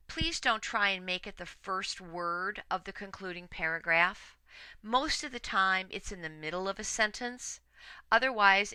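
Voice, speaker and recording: A woman teaches writing in a relaxed, conversational lecture, pausing on fillers and correcting herself as she goes. Her voice is very bright and smooth. It is recorded close up, with no room echo. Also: mid-range voice.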